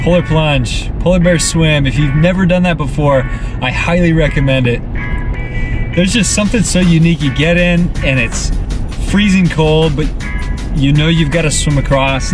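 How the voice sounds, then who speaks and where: A man's voice: fairly high pitch, far from the mic. A man hosting a casual vlog, chatting informally and thinking aloud as he goes. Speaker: vlogger and host. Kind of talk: casual vlog chat to camera and friends. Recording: loud music over voice.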